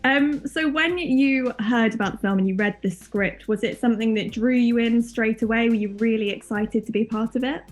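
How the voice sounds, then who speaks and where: A woman's voice: on the high side, moderate pace, few pauses, soft background music. A woman interviewer asking questions in a casual, chatty and encouraging way. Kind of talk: casual film press interview.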